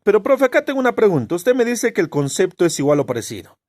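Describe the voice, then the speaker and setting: A man voicing an eager young student who asks the teacher questions quickly. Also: high-pitched, very animated, darkish tone, no room sound. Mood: curious.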